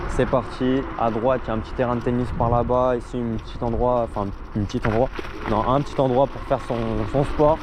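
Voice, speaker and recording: Riding an electric scooter outdoors through streets and forest, a young man keeps up an enthusiastic, slangy ride-along vlog chat. He speaks briskly at medium pitch with fairly even intonation, over wind and vehicle noise.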